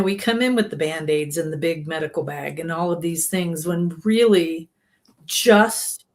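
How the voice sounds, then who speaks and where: A woman in a casual spiritual discussion, speaking in an affirming, reflective way. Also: on the low side.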